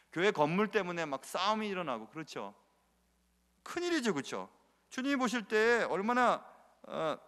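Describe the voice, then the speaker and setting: A man preaching a sermon with a high voice that rises and falls a great deal, driving each point home with repeated emphatic words. His voice rings through a reverberant church hall, picked up by a sanctuary microphone. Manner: animated, emphatic, repeats filler words often. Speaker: pastor.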